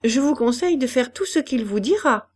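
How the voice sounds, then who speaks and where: A woman's voice: high-pitched, lively intonation, normal speed, pitched above the performer's own voice. A reserved, polite young widow, as a woman reader voices her. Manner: curt and polite.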